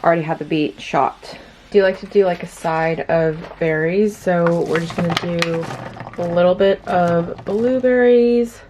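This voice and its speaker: A woman's voice: on the low side, unhurried, noisy background. A young woman chatting casually in a vlog, upbeat and full of "like". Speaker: vlogger. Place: home kitchen.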